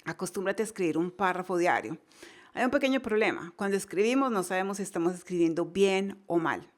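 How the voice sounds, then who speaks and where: A woman teaching a lesson, giving direct and encouraging advice and sometimes reading example sentences slowly to demonstrate. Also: mid-range voice. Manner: slow deliberate reading demonstrations. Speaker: English teacher. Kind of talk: explanatory lesson.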